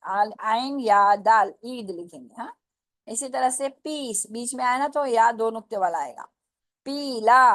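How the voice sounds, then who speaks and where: A woman's voice: a little high, no room sound. A woman teaching the Urdu script in an online lesson, patiently sounding out letters and words syllable by syllable and checking that students follow. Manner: slow, drawn-out syllable-by-syllable drills; patient, repeats and checks understanding.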